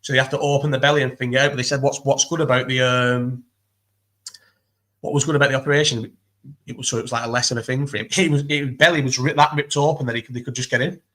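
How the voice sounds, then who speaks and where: A man chatting casually as a guest, talking fast in a rambling way, swearing a lot and restarting his sentences. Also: medium pitch, fairly even intonation, pushed and bright. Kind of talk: casual chat.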